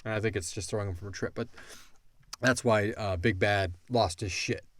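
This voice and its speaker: This lowish male voice moves at a normal speed with no room sound at all. He's a podcaster and audio drama maker fielding listener questions, retelling a story casually and animatedly while performing bits of the characters' dialogue.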